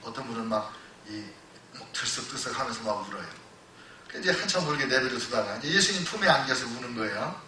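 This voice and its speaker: A male pastor preaching a sermon, telling stories that move between loud exclamations and hushed retelling. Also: medium pitch, lively intonation, quick pace, a little hiss or hum. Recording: echoey church hall, voice from a distance.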